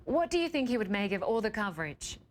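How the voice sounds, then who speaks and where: A woman broadcast interviewer asking questions in a gentle, sympathetic way. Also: medium pitch, sing-song, quick pace.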